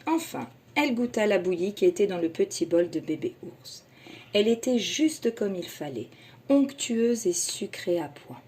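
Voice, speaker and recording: A kindergarten teacher, a woman, reading a children's story aloud slowly and expressively. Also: mid-range voice, expressive, a little mellow, a little hiss or hum.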